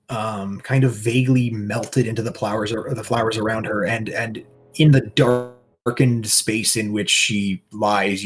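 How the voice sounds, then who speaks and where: A man narrating as game master of a tabletop game, in halting, descriptive speech with many restarts. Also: medium pitch, breathy edge.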